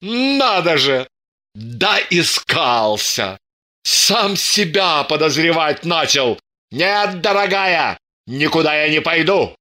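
A man voicing a stubborn, indignant male detective in an audiobook, talking gruffly and scornfully. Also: on the high side, very animated, takes it slowly, bright, forceful tone, heavily acted. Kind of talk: dramatic audiobook reading.

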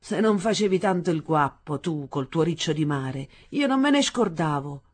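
A woman's voice: sits low, animated, moderate pace, darkish tone, husky. A woman voicing a proud, arrogant father who talks in a sarcastic, self-satisfied and stern way. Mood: smug. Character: proud, arrogant grown father, teasing and possessive.

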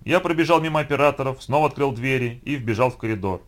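A man narrating a first-person story in a steady, even storytelling voice. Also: mid-range voice, fast. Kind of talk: audiobook reading of first-person prose.

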